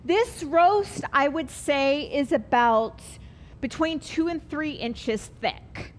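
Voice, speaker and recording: A woman's voice: high voice, slow. A woman teaching a live online cooking class, chatty and upbeat, explaining each step as she works.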